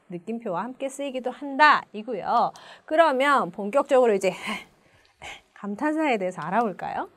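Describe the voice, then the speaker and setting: A woman teacher giving an English lesson to children, acting out each exclamation with playful enthusiasm. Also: a little high. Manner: animated, acts out exclamations for kids.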